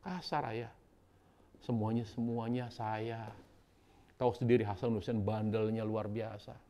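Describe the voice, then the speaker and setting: A man's voice: lowish voice, steady tone, unhurried, warm tone. A man voicing a tired young wife who pleads with her father about her hard housework. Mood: complaining. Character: weary young wife, the Prophet's daughter, complaining.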